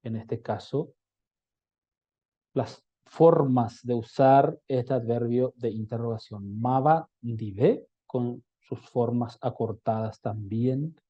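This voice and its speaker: A man teaching a recorded language lesson, explaining patiently and repeating example phrases slowly. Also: mid-range voice, dark tone, breathy edge. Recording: slightly dull lo-fi recording.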